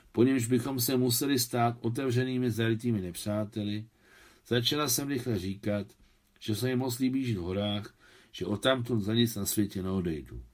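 A man reading his translation of a novel aloud in a measured, expressive way. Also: mid-range voice.

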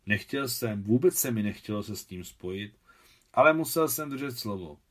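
A man reading a novel aloud, voicing a weary aging man who lives under a false name, in a quiet, confessional manner. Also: lowish voice, expressive.

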